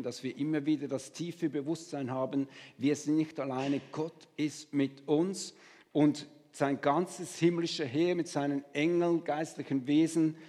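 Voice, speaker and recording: A man's voice: mid-range voice, darkish tone, big-room sound. A man preaching a sermon as pastor, speaking in an earnest, conversational way and addressing listeners directly.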